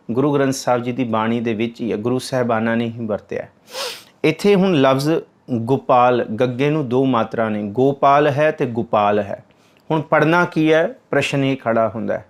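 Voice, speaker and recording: A man giving a religious discourse on scripture, explaining patiently and repeating key words, reciting verses slowly in a sing-song way. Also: medium pitch. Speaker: Sikh scripture teacher.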